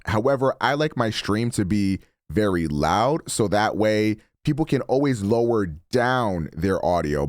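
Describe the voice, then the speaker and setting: In this laid-back walkthrough, a streamer with a deep voice explains his microphone settings from his home streaming rig, chatting easily and catching his own slips. His studio broadcast mic gives a dry, studio-quality recording.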